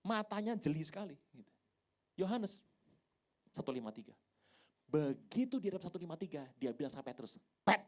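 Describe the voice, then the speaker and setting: A woman pastor with an Indonesian accent giving a lively sermon in a large church, acting out Bible scenes with whispers and sudden shouts. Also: fairly low pitch. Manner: animated storytelling, quick voice changes, whispers and shouts.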